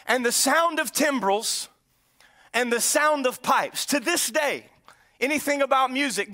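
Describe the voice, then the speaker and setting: High-voiced preacher with a North Louisiana twang. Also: male voice. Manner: animated preaching with sudden shouts and drawled asides. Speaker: pastor. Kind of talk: sermon.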